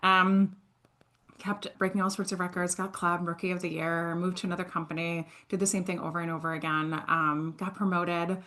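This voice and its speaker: Speaking at an ordinary speed in a voice on the low side, this podcast guest is a sales entrepreneur from Switzerland in her thirties. She relaxes into her career story, poking fun at herself with lively energy and plenty of laughter.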